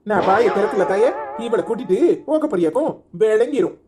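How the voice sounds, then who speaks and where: A sarcastic village father who grumbles at his family's fuss, from a cartoon, acted by a woman. His voice is mellow and dark, at a middling pitch, with a Tirunelveli accent. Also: animated, brisk, slightly rough. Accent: Tirunelveli Tamil.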